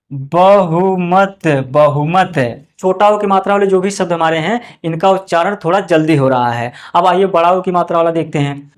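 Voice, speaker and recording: A man teaching young pupils how to read vowel signs. He asks questions and answers them himself, and draws out each example word slowly. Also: a little high. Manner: slow and drawn out on example words, repeating each twice. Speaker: Hindi teacher.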